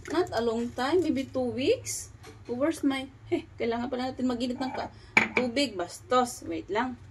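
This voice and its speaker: A woman's voice: high voice, normal speed, a little hiss or hum. A woman with a Filipino accent, a vlogging mother chatting in sing-song baby talk to her little daughter while doing chores at home. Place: home, kitchen and backyard laundry area.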